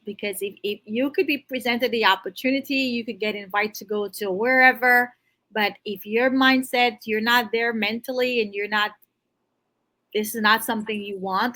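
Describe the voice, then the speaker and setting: A woman's voice: a little high, sharp tone. A woman in natural, unscripted interview talk, giving emphatic, motivational advice straight to the listener as a financial coach. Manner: natural unscripted talk, restarts mid-thought.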